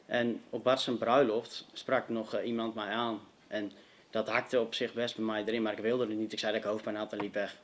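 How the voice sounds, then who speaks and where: A man's voice: fairly low pitch, flat delivery, moderate pace. Young man, earnest and emphatic, sharing his testimony with a youth audience. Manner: earnest, emphatic, direct address to listeners. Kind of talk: personal testimony to a youth meeting.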